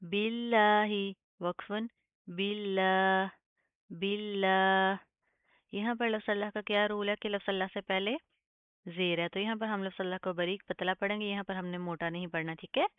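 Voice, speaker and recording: A woman gives a step-by-step tajweed lesson, checking in with her students again and again. Her voice is smooth and clear. It sounds dry and narrow, like it came through a phone. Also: mid-range voice, steady tone, fast, no echo. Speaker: Quran recitation teacher.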